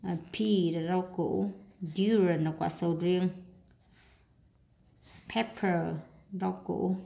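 Slow gravelly-voiced Vietnamese woman teacher. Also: on the low side, steady tone, mellow. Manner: talks while writing, with pauses and fillers. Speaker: English teacher. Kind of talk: casual workbook walkthrough.

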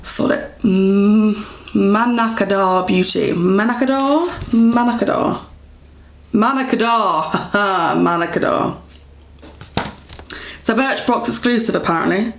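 A woman's voice: medium pitch, unhurried, vocal fry. Young woman, English accent, casual beauty vlog, chatty and rambling, roomy echo. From England. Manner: chatty, rambling, many fillers and self-corrections. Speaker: beauty vlogger. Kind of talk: casual product review. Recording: echoey room.

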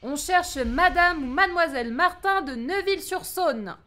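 A loud old man bellowing across a market in a storybook, as a woman puts him on. The voice sits very high and comes out bright and forceful, set back from the microphone. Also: expressive, moderate pace, heavily acted. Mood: shouting. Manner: loud calling out. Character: shouting old man hawking a name in a market.

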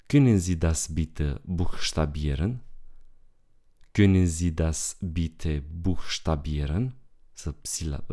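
Very deep, slow-spoken male language teacher. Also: dark tone. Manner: slow, repeats each phrase twice. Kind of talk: bilingual language lesson.

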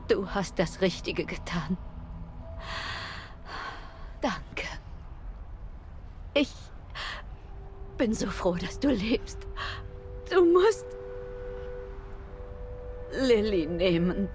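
An actress playing a weakened, self-sacrificing mother in a video game, speaking in a breathy, halting, emotional way. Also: medium pitch. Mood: tearful relief.

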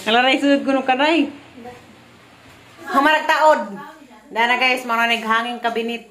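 A woman's voice: fairly high pitch, steady tone, moderate pace, fairly bright tone, slight background noise. Chatty woman vlogging at home. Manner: chatty, laughs often. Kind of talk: casual home vlog chat.

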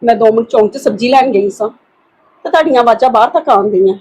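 A woman playing an aunt in a family drama, reasoning calmly and pleading for patience. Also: fairly high pitch, fast talker, breathy edge. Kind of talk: acted family drama dialogue.

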